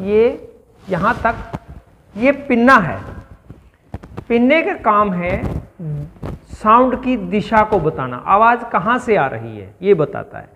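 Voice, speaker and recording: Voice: medium pitch, a bit bright, big-room sound, slight background noise. A teacher giving a step-by-step classroom science explanation and checking in with listeners through questions.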